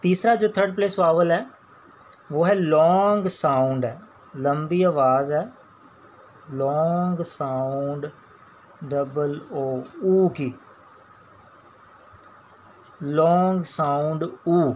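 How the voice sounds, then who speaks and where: A man with a Pakistani accent teaching a shorthand class, explaining each sound slowly and repeating words as he writes them out. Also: fairly high pitch, a little mellow, a little hiss or hum. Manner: slow, patient, repeats each sound and word. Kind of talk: classroom lecture while writing on a board.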